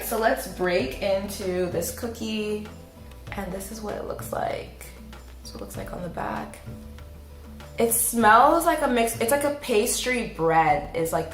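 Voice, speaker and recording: Woman, casual vlog, enthusiastic, chatty, roomy echo. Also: mid-range voice. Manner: chatty, enthusiastic, filler-heavy. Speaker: recipe vlogger. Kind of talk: casual taste-test vlog. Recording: roomy echo, faint music behind.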